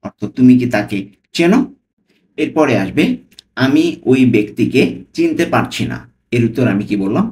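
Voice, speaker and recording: A man teaching a language lesson, repeating each phrase and saying foreign words very slowly and loudly. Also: medium pitch, lively intonation. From Bangladesh.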